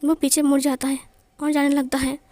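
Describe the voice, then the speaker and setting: ऊँची आवाज़ वाली कहानी सुनाती महिला. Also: female voice, sits high, level tone, fairly quick, warm tone, dry recording. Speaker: fan fiction narrator. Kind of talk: storytelling narration.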